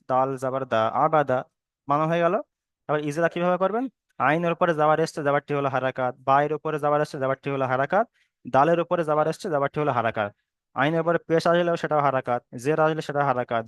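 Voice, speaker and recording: Patient man drilling letters, crisp voice. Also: a little high, no echo. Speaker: Quran reading teacher. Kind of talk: online class teaching.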